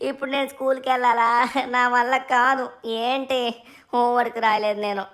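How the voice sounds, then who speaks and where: A lazy, mischievous little cartoon boy chatters away, voiced by a woman. His voice is high and his words come quickly. He whines, pleads and schemes in a cheeky, childish way. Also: steady tone, fairly bright tone, close to an everyday voice. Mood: playful, then whiny scheming.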